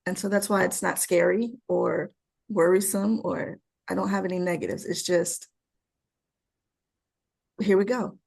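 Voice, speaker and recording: A woman's voice: lowish voice, fairly even intonation, a little slow, gravelly, long pauses, darkish tone, slightly rough. A woman sharing in a casual group check-in, upbeat and confident, with easy laughs.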